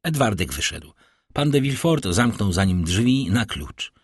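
A man narrating a classic novel as an audiobook in a dramatic, expressive way. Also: on the low side, measured pace, husky, no echo, studio quality. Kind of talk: scripted literary narration.

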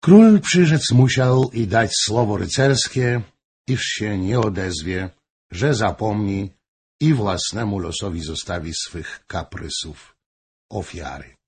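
A man narrating an audiobook of a historical novel in a measured, even storytelling manner, with a husky voice. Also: fairly low pitch.

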